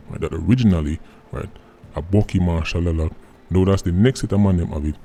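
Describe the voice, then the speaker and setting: Speaking in a low-pitched, dark voice over music, a Jamaican vlog host explains things in English mixed with Patois. He is emphatic and keeps checking in with "right".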